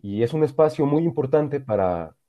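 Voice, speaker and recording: A man's voice: mid-range voice, lively intonation, normal speed, mellow. A man from Bolivia chatting as a podcast co-host, earnest and reflective, often restarting his sentences. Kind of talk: casual chat. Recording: dull lo-fi sound.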